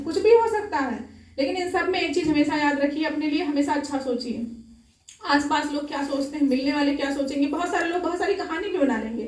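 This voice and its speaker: Young woman speaker, high voice, earnest and exhorting, miked from a distance. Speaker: spiritual speaker. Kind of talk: Sunday talk to a gathering. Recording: echoey hall, mic at a distance.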